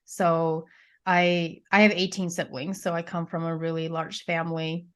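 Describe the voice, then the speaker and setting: Appearing as a podcast guest, a young woman with a Pennsylvania Dutch accent, her native language, recounts her life in a loose, conversational way, with frequent fillers and restarts. She speaks at a normal speed in a clear, resonant voice that sits on the low side with little pitch movement.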